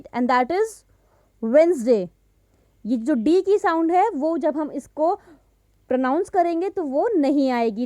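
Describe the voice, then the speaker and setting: A high-pitched woman with an Indian accent teaches pronunciation at an unhurried pace. She draws out each example word with care. Her voice sounds close and dry, with no room around it. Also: a little mellow, no echo. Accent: Indian English. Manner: slow, deliberate, stretches out example words. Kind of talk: Hindi-English mixed lesson.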